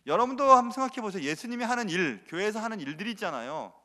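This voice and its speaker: A man's voice: sits high, lively intonation, racing, sharp tone. A man pastor preaching a sermon in a church sanctuary, talking emphatically and piling on repeated filler words. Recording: reverberant church hall.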